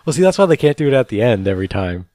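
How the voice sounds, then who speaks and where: A man co-hosting a podcast, chatting casually and reading out news with a relaxed, rambling manner and a tired edge. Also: mid-range voice, rapid-fire, no room sound. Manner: relaxed, rambling, many fillers. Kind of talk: casual chat.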